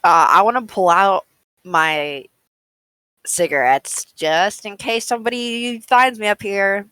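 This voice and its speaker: A woman's voice: medium pitch, takes it slowly, sharp tone, clear, resonant tone, no room sound, rough recording. A woman playing a tabletop role-playing game, giggly and flustered as she talks in character. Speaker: player.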